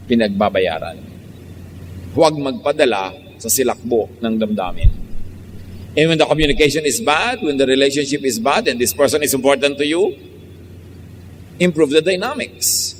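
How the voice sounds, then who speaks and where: A Filipino-accented pastor delivers a sermon, mostly slow and measured, then jumps into animated imitations of people arguing. His medium-pitched voice rings in a big hall with a long echo. Faint street noise sits underneath. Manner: switches between calm, slow teaching and sudden lively mock-quotes.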